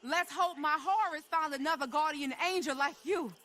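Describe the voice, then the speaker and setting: A very high-voiced pleading frontier wife. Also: female voice, moderate pace, sharp tone. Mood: relieved. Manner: pleading, breathless, devout exclamations. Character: frontier wife held captive, pleading then grateful. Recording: game soundtrack music behind.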